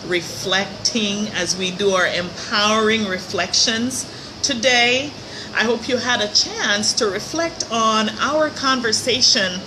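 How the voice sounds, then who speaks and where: The host of a motivational show, a middle-aged woman, gives a casual live-stream monologue from a hotel room by a pool. Her mid-range voice is a little hoarse, and she's chatty and upbeat with light laughs. Noise fills the background.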